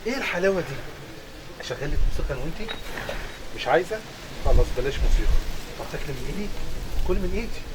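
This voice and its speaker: An actor playing a doting Egyptian farmer husband, coaxing and playful. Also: male voice, fairly high pitch, lively intonation, rapid-fire, pauses often, very noisy, natural voice. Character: doting rural husband, middle-aged.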